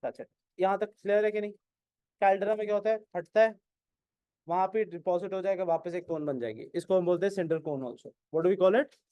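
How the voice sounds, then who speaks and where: High-voiced Indian teacher quizzing his class. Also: brisk, warm tone, dry recording. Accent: Indian English. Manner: keeps asking "is it clear?", questions and answers his own prompts. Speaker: exam coaching teacher. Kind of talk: classroom lecture in Hindi-English mix.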